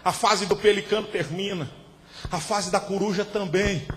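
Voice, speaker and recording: High-voiced Brazilian preacher, echoing church. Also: male voice, fairly even intonation, moderate pace, a little hiss or hum. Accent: Brazilian Portuguese. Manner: preaching with big swings from hushed to shouting. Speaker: pastor. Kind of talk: sermon. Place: large church hall.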